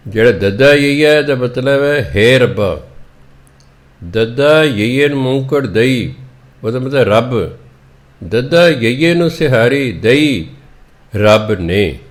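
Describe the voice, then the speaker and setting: A man preaching on scripture, going verse by verse and spelling out words letter by letter in a deliberate, instructive way. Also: medium pitch. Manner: deliberate, instructive tone with gentle appeals to listeners. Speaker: Sikh preacher explaining scripture. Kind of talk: slow scripture exposition.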